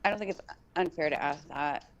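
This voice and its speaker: A woman co-hosts a relaxed podcast from home, chatting about a court case in an easy, joking tone with the odd casual swear. Her voice sits a little low for a woman. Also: brisk, lo-fi sound. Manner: relaxed, joking, a bit crude. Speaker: podcast co-host. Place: home by a window with her dog.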